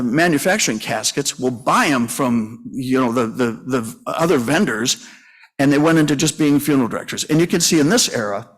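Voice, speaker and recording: A man in his sixties speaks at a conference session with a middling, everyday pitch. He tells stories in a folksy, rambling way, stopping and restarting with plenty of fillers. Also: a bit bright. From Minnesota, US. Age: 60s. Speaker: funeral home owner and conference speaker. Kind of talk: conference breakout talk.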